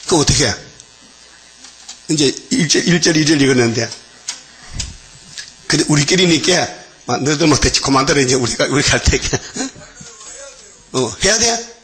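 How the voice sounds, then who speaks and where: A man's voice: fairly high pitch, expressive, normal speed, pauses often, a bit bright. A man preaching a dawn-service sermon in a folksy, conversational way, often tossing questions to his listeners. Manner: folksy, peppers talk with questions like "huh?". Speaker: pastor.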